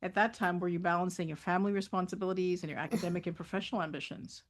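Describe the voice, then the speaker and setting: A woman's voice: lowish voice, fairly even intonation, racing. A woman hosting an interview show, reading polished introductions and asking questions, often murmuring agreement while her guest speaks.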